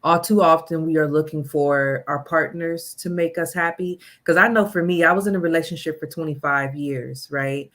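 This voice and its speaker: A woman in her forties, a healing coach, talking earnestly in a casual interview and telling stories with animated mimicked voices. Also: low voice, normal speed, hardly any pauses. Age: 40s.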